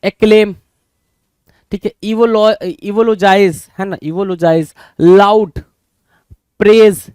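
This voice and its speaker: High-voiced teacher, dry close sound. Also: male voice, fairly even intonation, takes it slowly, pauses often, a little mellow, clear, resonant tone, dry recording. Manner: repeats questions to the class, addresses viewers as bhai. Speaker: vocabulary teacher. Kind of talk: Hinglish exam-prep lesson.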